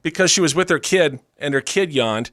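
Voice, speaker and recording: A man co-hosting a radio talk show, telling stories in a loose, animated chat. His voice sits a bit high and swings lively up and down. The sound is dry and close. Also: moderate pace, no echo. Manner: animated storytelling, playful. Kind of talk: casual chat.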